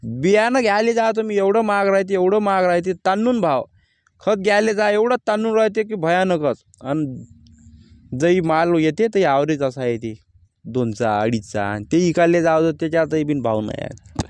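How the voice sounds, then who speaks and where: A man's voice: sits high, moderate pace, a little mellow, no echo. A man, a farmer vlogging casually from his field and speaking bluntly about crop prices. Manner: plain-spoken, rising to angry complaint. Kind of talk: casual vlog talk to camera. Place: outdoors in a farm field.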